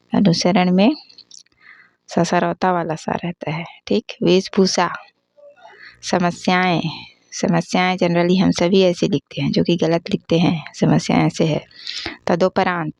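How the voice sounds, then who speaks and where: A woman's voice: fairly low pitch, vocal fry, a little mellow, no echo. A woman teaching an exam-prep spelling lesson, reading out word lists and correcting common misspellings. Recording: dull lo-fi sound.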